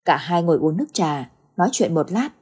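A woman's voice: fairly low pitch, animated, a little fast, darkish tone, husky. Woman narrating a ghost story.

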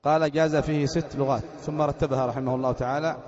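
A man's voice: medium pitch, fairly even intonation, fast talker, darkish tone, in a large hall, lo-fi sound. A man teaching a grammar lesson as a sheikh, explaining step by step and quizzing his students as he goes.

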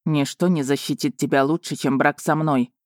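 A restrained dragon-born duke who speaks softly and coaxingly, never raising his tone, as a woman narrator voices him. His voice sits low and close, with a dry, unechoing sound. He stays measured and controlled. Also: steady tone, no echo, natural voice. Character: man, calm commanding dragon-born duke.

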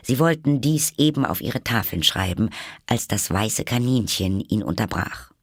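A man reading a storybook aloud in an expressive, measured way. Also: on the low side, creaky, no echo, studio quality. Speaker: narrator.

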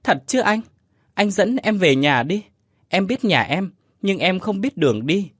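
Guy putting on a little ghost kid voice, whimpery, pitch jumps all over, husky. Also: very animated, unhurried, fairly bright tone, no echo, clean studio sound, exaggerated voice. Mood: eager. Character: ghost child, seven-year-old boy, whimpering and lost.

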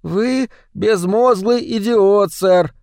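A man's voice: high-pitched, slow, gravelly, a little mellow, no echo, clean studio sound, voice pushed up, exaggerated voice. A man voicing a timid, sad male rat creature in an audiobook, meek and stammering. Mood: frightened.

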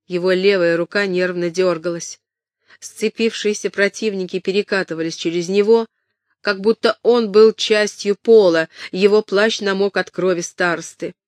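Audiobook narrator, even measured reading, mid pitch, dry close sound. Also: no room sound. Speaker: audiobook reader. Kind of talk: scripted narration.

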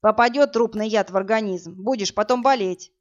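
A woman's voice: medium pitch, moderate pace, natural voice. A coarse, bossy thug, as a woman reads him. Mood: gruff. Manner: rough, coarse and threatening. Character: burly crude male thug, bossy and mocking. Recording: dull lo-fi audiobook, faint music.

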